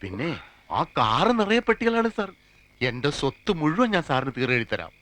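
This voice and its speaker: A man's voice: a little high, big pitch swings, normal speed, a bit bright. An actor playing a man who begs an officer with grovelling, flowery pleas in a comic film. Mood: pleading. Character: fawning, theatrical man begging an officer.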